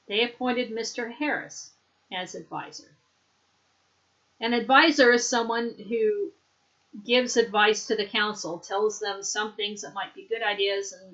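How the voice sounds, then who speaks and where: A woman teaching English, leading a slow repeat-after-me drill and patiently explaining words and pronunciation. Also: medium pitch, fairly bright tone, lo-fi sound.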